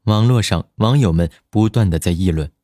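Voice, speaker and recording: Brief: male audiobook narrator, low, steady, dry close mic. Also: moderate pace, dry recording.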